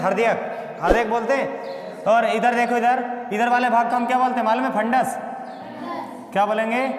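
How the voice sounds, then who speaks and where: A male biology teacher, lecturing in a call-and-response way. He asks each question again and again, then gives the answer himself. The sound rings with a long, roomy reverb. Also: very high-pitched. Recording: echoey, reverberant room.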